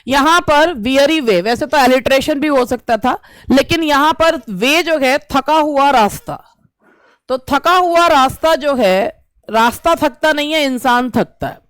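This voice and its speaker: A woman teacher, reading English exam questions slowly and explaining them at length. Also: high voice, a bit bright, no echo. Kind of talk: exam-prep lesson.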